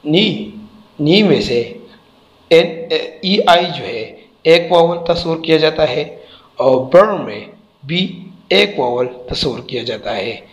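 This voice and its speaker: A man's voice: fairly high pitch, lively intonation, slow pace, low-quality recording. A man teaching a textbook lesson, spelling out letters and repeating each word carefully.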